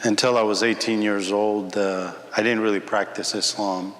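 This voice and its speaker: A man's voice: fairly low pitch, flat delivery, moderate pace, a bit bright. A young man from Afghanistan speaking as a panel guest, earnest and reflective, with filler ums. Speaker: panel guest, former prayer leader. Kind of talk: personal testimony on a panel. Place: conference hall. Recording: long hall reverb.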